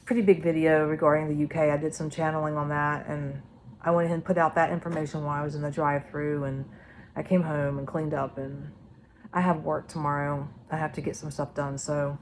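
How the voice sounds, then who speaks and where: A woman's voice: sits low, little pitch movement, a little fast, background noise. A woman vlogger sharing her predictions in a loose, rambling, conversational way. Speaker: psychic vlogger. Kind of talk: casual spoken predictions.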